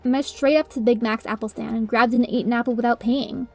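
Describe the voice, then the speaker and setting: A woman's voice: on the high side, fairly even intonation, quick pace, creaky, a little mellow. A woman reading a first-person story as its narrator, in a dramatic storytelling style. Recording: music under the voice.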